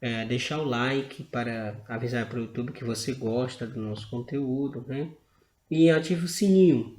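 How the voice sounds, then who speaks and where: Slow, patient Brazilian man teaching grammar. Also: mid-range voice, darkish tone, roomy sound, a little hiss or hum. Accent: Brazilian Portuguese. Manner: slow, explanatory, frequent "né?" tag questions. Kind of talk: slide-based grammar lesson.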